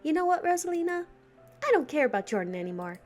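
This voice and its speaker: A tearful, lovesick young woman, as a woman reads her aloud in a high voice that swings up and down. She sounds emotional and self-deprecating, with soft music faint behind. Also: very animated, fast. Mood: resolved.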